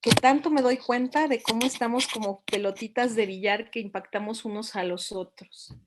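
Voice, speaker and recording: A woman's voice: a little high, normal speed, heavy background noise. A middle-aged woman, giving a reflective talk to parents and asking them many questions.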